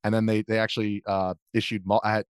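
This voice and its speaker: Speaking quickly and smoothly in a lowish voice with little pitch movement, an American video journalist shares casual anecdotes as an interview guest. He breaks off mid-thought and voices other people's lines, and the studio audio is clean and echo-free.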